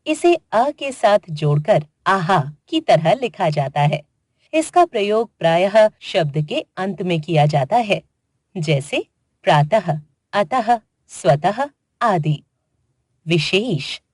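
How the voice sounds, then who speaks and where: A woman narrating a children's grammar lesson in a slow, deliberate way, spelling out letters one by one. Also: fairly low pitch, no room sound, clean studio sound. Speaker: grammar teacher. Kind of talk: scripted educational narration for children.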